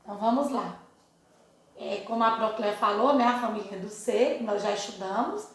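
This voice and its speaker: A woman with a Brazilian Portuguese accent teaching a first-grade phonics lesson, drilling syllables in a slow sing-song and checking in often with the children. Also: on the high side. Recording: very echoey room.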